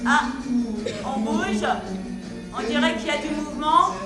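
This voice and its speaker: Woman acting out an earnest high-voiced lady hunting her lost necklace, stage play taped far off in an echoey theatre with music going. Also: measured pace. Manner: earnest, explaining at length, stammers when flustered. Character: anxious woman searching a ruined city for her necklace. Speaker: stage actress. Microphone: distant room mic.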